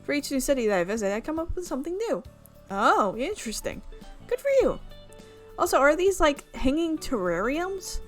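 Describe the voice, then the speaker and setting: Faint music plays as a young woman reads a visual novel aloud, her high voice very animated and her pace moderate. A let's player giving casual commentary, she pauses for chatty, amused asides about the script.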